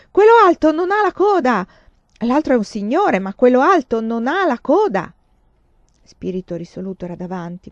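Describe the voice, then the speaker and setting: A woman reading a novel aloud in lively, dramatic storytelling. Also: medium pitch, no echo, dull audio. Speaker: reader. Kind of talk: audiobook narration.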